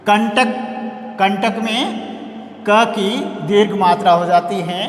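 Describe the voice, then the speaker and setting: Man teaching a class, kinda high voice, echoey room w long reverb, keeps asking the class stuff. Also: fairly even intonation, a little hiss or hum. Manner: slow, repeats key words and asks the class questions. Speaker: college Hindi teacher. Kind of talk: classroom lecture on prosody.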